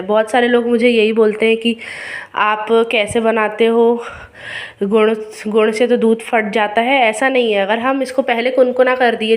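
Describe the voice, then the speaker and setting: A middle-aged woman with a sore throat hosts a casual cooking video, chatting to viewers as friends and explaining each step. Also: a little high.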